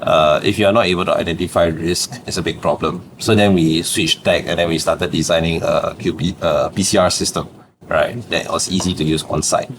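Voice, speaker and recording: Deep and brisk, this man's voice keeps a fairly even intonation, with a bit of hiss or hum on the recording. He's a young Singaporean startup founder telling stories as a podcast guest in Singaporean English, laughing often and ending phrases with "lah."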